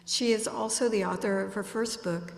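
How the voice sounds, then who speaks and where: A woman introducing the next speaker at a community gathering, in a warm, plain way. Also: mid-range voice, steady tone, moderate pace, gravelly. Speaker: event emcee. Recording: echoey hall, long reverb.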